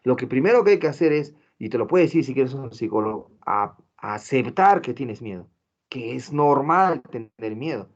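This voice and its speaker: Un profesor de mediana edad con acento peruano que da una clase en línea y hace las voces de sus alumnos con viveza. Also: male voice, mid-range voice, moderate pace. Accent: Peruvian Spanish. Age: middle-aged. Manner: animated, acts out students' voices. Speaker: teacher. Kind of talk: online class lecture. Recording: dull lo-fi audio.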